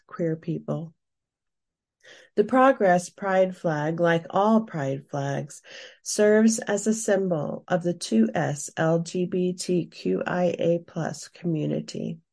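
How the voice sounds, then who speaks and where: A woman reading scripted explanatory narration with soft, breathy tone and deliberate phrasing. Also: on the low side.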